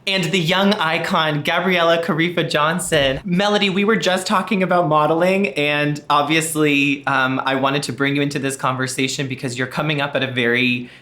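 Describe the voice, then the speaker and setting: A man's voice: a little high, fairly even intonation, normal speed, hardly any pauses, bright, forceful tone. A man leads a panel discussion on a video call. He is upbeat and playful, chatting easily as he brings in each guest. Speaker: panel moderator.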